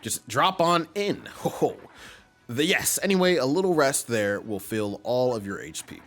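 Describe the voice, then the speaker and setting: Guy putting on a stuffy old butler voice, throaty, swoops around a lot, soft game music under it. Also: mid-range voice, lively intonation, normal speed, pitched above the performer's own voice. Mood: pompous. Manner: pompous, genteel. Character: fussy old male mushroom butler.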